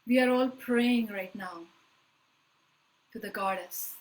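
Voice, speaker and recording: Speaking at a medium pitch, a woman runs a live online spiritual workshop in an earnest, emphatic manner. She phrases things slowly and deliberately, frequently letting her words fade softly, captured on a rough recording.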